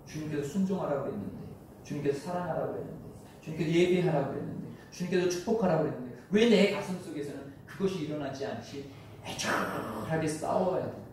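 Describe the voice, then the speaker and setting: Male pastor, passionate preacher who swings from hushed to loud, a touch high-voiced, recorded from afar in a booming reverberant hall with a faint rumble behind. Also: a little fast. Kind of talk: sermon. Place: church sanctuary. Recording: very echoey hall, from a distance.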